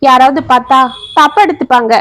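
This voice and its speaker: A woman's voice: high voice, brisk, no room sound. A woman voicing a sorrowful young woman who holds back her grief. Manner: soft, tearful.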